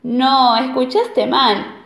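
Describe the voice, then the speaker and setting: A woman voicing a sly, know-it-all male skunk who sounds sure of himself and deadpan, recorded in an echoey room. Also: high voice, extremely slow, creaky, heavily acted. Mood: smug.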